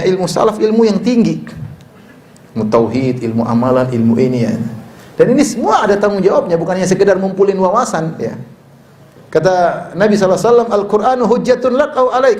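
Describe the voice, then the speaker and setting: A middle-aged male preacher giving a sermon with a slightly high voice. He talks casually and cracks jokes, then rises into forceful, emphatic appeals to his listeners. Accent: Indonesian. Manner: conversational, joking, swings to emphatic exhortation. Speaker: Islamic preacher. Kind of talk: sermon with humorous asides.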